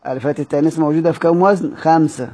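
A man with an Egyptian accent teaching a classical grammar text, asking and answering his own questions, with quick asides and slowly drawn-out recitation of verse. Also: on the high side, warm tone. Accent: Egyptian Arabic. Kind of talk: colloquial Egyptian lesson mixing classical quotations.

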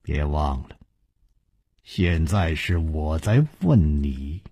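A man voicing a calm, amused hero swordsman in a storytelling broadcast, speaking low, slow and teasing. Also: slightly rough, no echo, clean studio sound.

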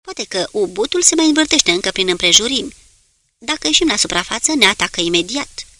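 A woman reading the lines of a calm, stern male submarine commander, giving clipped, firm orders. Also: mid-range voice, no room sound.

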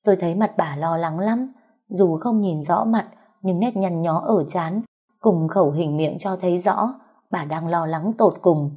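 Woman narrator for a spoken horror tale, dramatic and tense, low husky voice. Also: measured pace, mellow. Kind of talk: first-person horror story narration.

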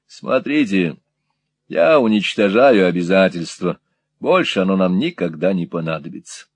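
A man's voice: sits low, animated, moderate pace, no echo. A man voicing a cold, scheming, commanding man who speaks sharply and curtly. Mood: stern.

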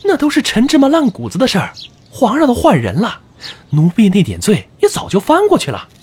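A man voicing a fawning, sly middle-aged palace eunuch in an audio drama, with a high simpering delivery. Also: huge pitch swings, brisk, darkish tone, slightly rough, heavily acted. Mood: wheedling.

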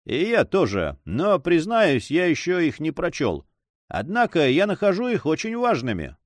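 A man's voice: on the high side, wildly swooping pitch, moderate pace, no echo, clean studio sound, pitched above the performer's own voice. A man reading a story aloud, voicing a carefree young nobleman who banters ironically with his sister. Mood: teasing. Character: teasing, carefree young nobleman, Don Sancho.

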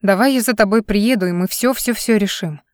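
A woman's voice: mid-range voice, brisk, darkish tone, no echo, close to an everyday voice. Desperate man on the phone, urgent and swearing, read by a woman narrator. Dry, close sound. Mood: pleading. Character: man, tense pleading lover on the phone.

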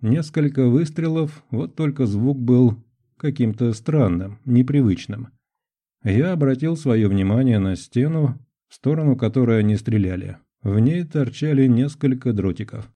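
A male audiobook narrator reading first-person adventure prose in a measured, tense way. His voice is very dark and mellow, in a middle pitch.

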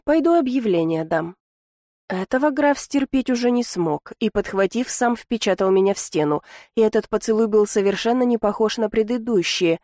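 A woman's voice: mid-range voice, a little mellow, dry recording, studio quality. Wry woman narrating an audiobook. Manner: wry, ironic storytelling. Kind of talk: first-person audiobook narration.

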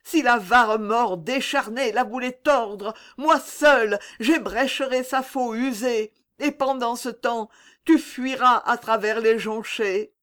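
A woman voicing a distraught peasant mother who cries out high and pleading in an audiobook reading. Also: slow pace, fairly bright tone. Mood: frantic.

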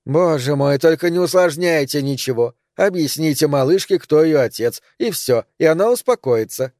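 Man voicing an older grandmother, gruff, impatient, curt, mellow, dry. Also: fairly high pitch, expressive, normal speed, no room sound, close to an everyday voice. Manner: curt and irritable.

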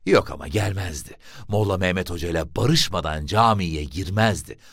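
A man narrating a story for an audiobook in a lively, expressive reading. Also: low voice, normal speed, slightly rough, no room sound, clean studio sound.

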